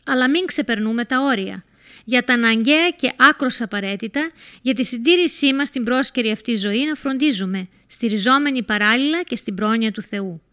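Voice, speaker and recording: A woman reads a scripted sermon reflection. Her delivery is steady and exhortative, and her voice sits somewhat high.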